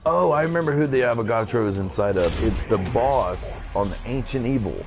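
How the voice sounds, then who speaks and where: A man's voice: medium pitch, lively intonation, brisk. A man in his thirties streaming a game live, chatting and rambling to his viewers as he plays. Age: 30s. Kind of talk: casual live gameplay commentary.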